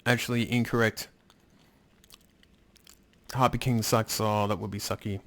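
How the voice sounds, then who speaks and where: A man's voice: on the low side, level tone, measured pace, a bit bright. A man hosting a live stream, rambling casually and swearing now and then as he answers his chat. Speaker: livestream host reading chat.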